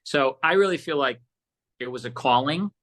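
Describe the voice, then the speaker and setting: This middle-aged American radio host and producer, speaking as a podcast guest, gives casual but earnest, emphatic answers and tends to repeat himself. He talks at a normal speed with a medium pitch and a slightly bright tone.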